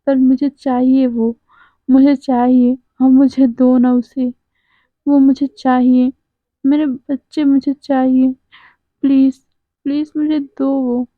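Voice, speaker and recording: Woman doing a weepy, pleading young man, high and slow, tinny phone-like sound. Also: little pitch movement, dry recording. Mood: tearful pleading. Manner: sobbing, repetitive begging. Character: desperate young man pleading tearfully for his children.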